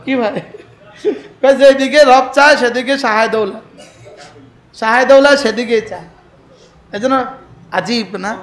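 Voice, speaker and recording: A man's voice: extremely high pitch, measured pace, pauses often, fairly bright tone, reverberant. A man preaching a fervent waz sermon, calling out questions for the crowd to answer. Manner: fervent, call-and-response with the crowd. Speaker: Islamic preacher. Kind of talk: emotional Bengali waz sermon.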